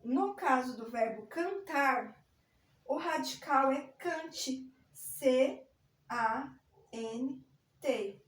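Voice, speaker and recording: High-voiced woman teaching grammar slowly. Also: expressive, distant mic. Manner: patient, explains step by step and spells words out. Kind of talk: recorded grammar lesson. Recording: echoey room, voice a bit off-mic.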